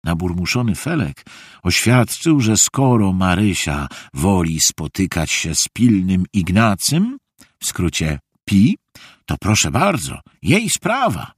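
A man narrating a children's audiobook in an expressive, unhurried storytelling manner. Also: sits low, husky, dry recording, clean studio sound.

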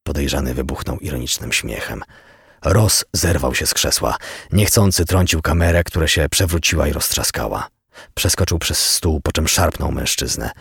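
Husky low-voiced male audiobook narrator. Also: no room sound, studio quality. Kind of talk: scripted crime-novel narration.

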